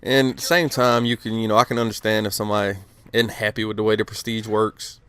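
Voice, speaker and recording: A man's voice: lowish voice, little pitch movement, quick pace, a bit bright, smooth, dry recording. A man in his late twenties giving casual, rambling gameplay commentary outdoors in the cold, swearing freely, with lots of fillers. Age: late 20s. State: cold, a little stuttery. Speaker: gaming commentator. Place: outdoors outside his house.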